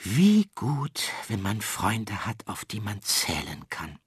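A man voicing a small, timid but brave earthworm in a storybook reading, faking a gruff voice to bluff. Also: fairly low pitch, very animated, slow, no echo, studio quality, full character voice. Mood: earnest. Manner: trembling, then gruff when bluffing.

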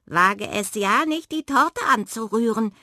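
A woman voicing a gruff, stern male badger who scolds in a loud voice. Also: fairly high pitch, a little slow, dry recording, studio quality, voice pushed up.

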